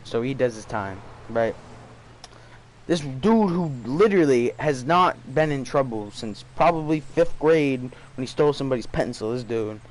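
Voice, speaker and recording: A man's voice: medium pitch, expressive, normal speed. A young man telling a rambling, profane story about his school day in a casual storytime vlog, full of slang and fillers. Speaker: student storyteller.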